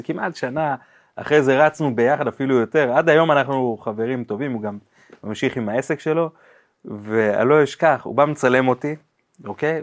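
Guy on a podcast talking body language, acts stuff out, growls like a tiger. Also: mid-range voice. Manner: explains vividly, acts out examples with sound effects. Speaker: body language expert guest. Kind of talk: podcast interview chat.

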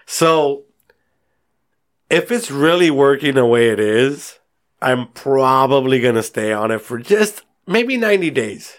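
A man's voice: mid-range voice, lively intonation, a little slow. Joking man chatting on a podcast. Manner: joking, self-deprecating. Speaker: podcast co-host. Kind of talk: casual chat.

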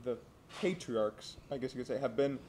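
A young man from Santiago, co-hosting a casual chat and telling stories in a relaxed way, with laughs and restarts. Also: mid-range voice, normal speed. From Santiago, Dominican Republic. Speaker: co-host.

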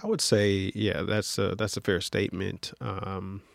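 A man with a low, gravelly voice and a flat, even delivery. He explains things patiently as an interview guest, dotting his sentences with fillers. The sound is dry and close. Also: dry recording. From Detroit, USA. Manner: measured, explanatory, many fillers. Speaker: orthopedic surgeon guest. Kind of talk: interview conversation.

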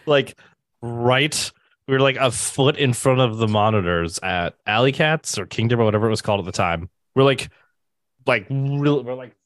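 A man's voice: mid-range voice, expressive, normal speed, a bit bright, dry recording. A man co-hosting a casual podcast, telling joking stories and swearing freely. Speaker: podcast co-host.

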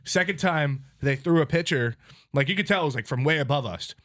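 Fast-talking profane young man telling a story. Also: fairly high pitch, fairly bright tone, no echo, studio quality. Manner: rambling, profane, acts out quotes. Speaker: podcast host. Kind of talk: casual storytelling chat.

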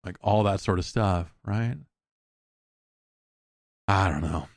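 A man hosting a solo podcast talks slowly in a low voice, rambling in an informal, wry way as he shifts between casual commentary and host-read ads. The recording is dry, with clean studio sound.

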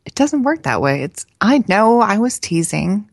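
A woman's voice: mid-range voice, big pitch swings, unhurried, vocal fry, no room sound, clean studio sound, pitched above the performer's own voice, exaggerated voice. A woman reading the lines of a fussy, fond middle-aged mother in a fretful, teasing way.

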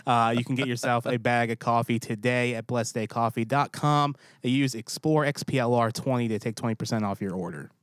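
A man's voice: medium pitch, steady tone, a little fast, hardly any pauses, clean tone, no room sound, clean studio sound. A man co-hosting a podcast in casual chat, easygoing and a bit rambling as he reads tips and ads. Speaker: podcast co-host.

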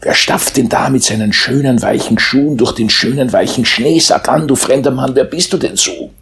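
A man voicing a small, cheerful, blind male mole in a storybook reading, eager and warmly chatty, with a high, breathy voice. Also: normal speed. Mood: delighted.

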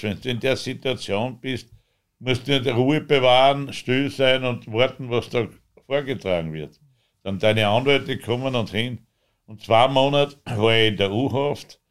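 A man with an Austrian accent, the interviewee, telling his own story in a rambling, halting way with loose dialect grammar. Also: lowish voice. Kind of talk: conversational storytelling.

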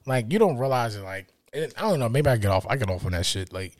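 A tipsy man co-hosting a casual adult podcast, loud and profane, laughing a lot and acting out quoted people. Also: medium pitch, expressive, fast, no echo. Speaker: podcast co-host.

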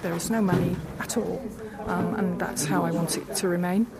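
A woman with a slightly low voice answers interview questions, pressing her points home and repeating herself. A loud crowd chatters all around her in a busy exhibition hall. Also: fairly even intonation, normal speed, creaky. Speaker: interview guest. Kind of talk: casual interview. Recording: loud crowd noise behind.

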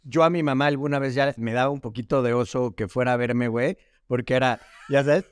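A man's voice: mid-range voice, steady tone, a little fast, clean tone, no room sound. Laid-back Mexican man, dry close sound. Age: late 30s. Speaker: podcast co-host. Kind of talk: casual chat.

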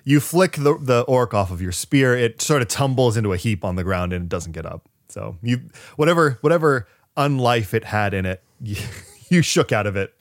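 A man's voice: mid-range voice, animated, normal speed. A man narrating a tabletop game as game master, telling the story in a dramatic way. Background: music.

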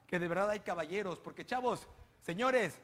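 Male presenter, Mexican accent, higher voice, cheeky slang-filled comic commentary in a studio. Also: normal speed, fairly bright tone. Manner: joking, slangy, teasing the studio crew. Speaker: guest presenter of a comedy panel show. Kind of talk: comedic show commentary.

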